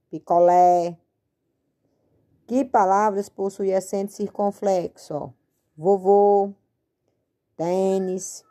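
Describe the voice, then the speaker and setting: A Brazilian woman with a Brazilian Portuguese accent patiently teaches spelling at a board, spelling out and stretching words in a slow spoken-out lesson. Her voice is mid-range and warm.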